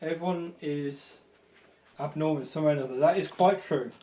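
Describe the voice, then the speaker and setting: A man's voice: a little high, fairly quick, warm tone, slight background noise. A man co-hosting a livestream and moderating its chat, bantering in a dry, teasing way. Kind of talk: casual live-stream chat.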